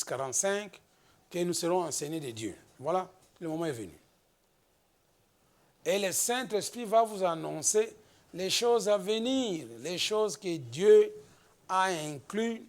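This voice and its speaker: Preaching slowly and with emphasis, a Congolese pastor from the Democratic Republic of the Congo rises into exhortations, his high voice carrying lively intonation.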